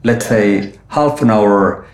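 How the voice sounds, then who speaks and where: Speaking slowly in a lowish voice, a middle-aged podcast host conducts a conversational interview in English, which isn't his native language, hesitating often with fillers and restarts. His first language isn't Swedish, and despite a Finnish-sounding name, his origin is unstated. The sound is roomy and echoey.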